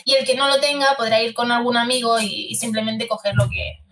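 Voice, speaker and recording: A woman's voice: fairly high pitch, steady tone, brisk, a crowd in the background. A young woman from Spain with a mixed Spanish accent, chatting casually as a guest streamer, laughing often and using lots of fillers. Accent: Spanish, mixed Madrid, Zaragoza and Andalusian traces. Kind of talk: casual chat.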